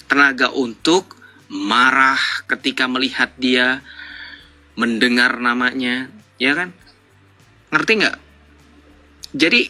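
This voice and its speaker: Sharp-voiced man mocking and lecturing. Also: mid-range voice. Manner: mocking, lecturing, rhetorical questions. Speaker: live-stream debate host. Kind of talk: confrontational live debate with callers.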